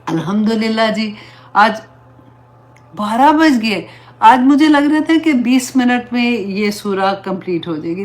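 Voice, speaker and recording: A woman religious teacher gives an earnest talk to her followers, mixing English words into her speech and reciting Arabic prayers slowly. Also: mid-range voice, a little hiss or hum.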